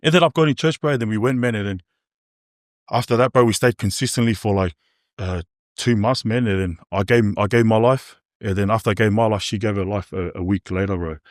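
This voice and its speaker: A man's voice: on the low side, a little fast, dry recording, studio quality. A man, giving a candid, slangy personal testimony in a casual podcast chat, often saying bro and man. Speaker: podcast guest.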